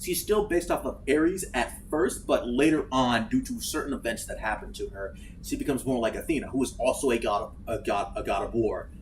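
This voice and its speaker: A man chatting casually while playing a game, swearing freely and breaking into loud outbursts. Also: medium pitch, a little fast, hardly any pauses, a little hiss or hum. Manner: animated, swears freely, bursts into shouts. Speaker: gaming streamer. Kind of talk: casual let's-play chat.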